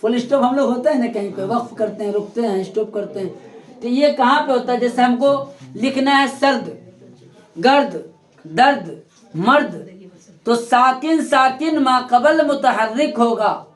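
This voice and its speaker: A male teacher runs a grammar lesson in a classroom with a board, repeating terms and quizzing his students. His voice is very high and his pace measured, and the room sounds echoey.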